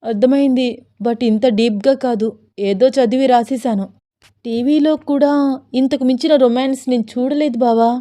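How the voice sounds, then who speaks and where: A woman's voice: fairly high pitch, fairly even intonation, normal speed, mellow, dry recording, clean studio sound, pitched above the performer's own voice, lightly acted. A woman voicing a shy, nervous young newlywed wife who sounds coy and pleading.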